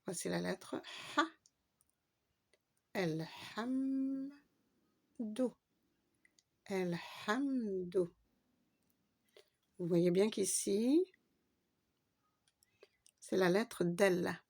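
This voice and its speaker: A woman with a lowish, creaky voice teaches Arabic reading patiently and step by step, speaking slowly with long pauses. As the teacher, she spells out letters and draws out the long vowels.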